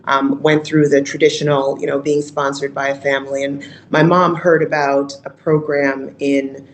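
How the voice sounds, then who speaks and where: A woman from Rochester, New York, giving an earnest, measured and reflective talk as a guest speaker at a virtual conference. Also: deep voice, level tone, slight background noise, low-quality recording. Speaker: guest speaker, mayor's chief of staff. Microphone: video call.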